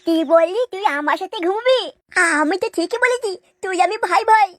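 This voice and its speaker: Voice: extremely high pitch, lively intonation, moderate pace, no echo, studio quality. A voice artist playing a cheeky little boy who bickers and squabbles with his half-brother in a comedy sketch. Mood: bickering.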